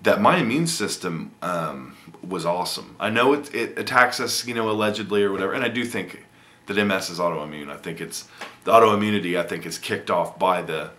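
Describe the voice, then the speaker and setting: A man's voice: low-pitched, a little fast, sharp tone. A man, giving a casual, rambling video update with lots of ums and restarts. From Indiana, USA. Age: 30s. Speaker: vlogger.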